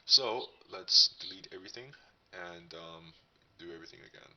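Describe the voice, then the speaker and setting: A man hosting a casual coding tutorial, his voice disguised as a deep one by a voice changer, thinking aloud as he demonstrates. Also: normal speed, pushed and bright, distant mic, low-quality recording. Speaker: tutorial host.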